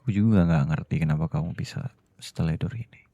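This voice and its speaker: A man voicing a stern boss who is also a doting husband, in a whispered role-play that goes from cold scolding to soft pleading. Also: deep voice, fast talker, gravelly, dry recording, highs cut off. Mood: gentle pleading. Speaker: voice actor.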